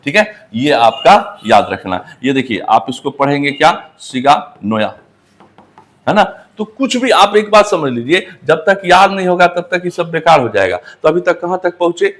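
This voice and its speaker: A man's voice: on the high side, big pitch swings, normal speed. A middle-aged man from Bihar with a Bihari accent, teaching an English lesson and answering his own questions. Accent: Bihari Hindi. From Bihar, India. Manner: repeats questions back to students and answers them himself. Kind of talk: classroom lecture.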